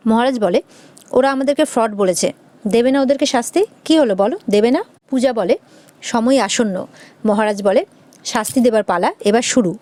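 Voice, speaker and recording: A woman quickly narrating an episode recap of a TV serial, reading out every character's lines in turn. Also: a little high, a little mellow.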